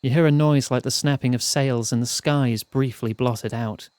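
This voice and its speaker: A man streaming a fantasy role-playing game, reading its text aloud in measured storytelling style and chatting between passages. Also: medium pitch, darkish tone, smooth, no room sound.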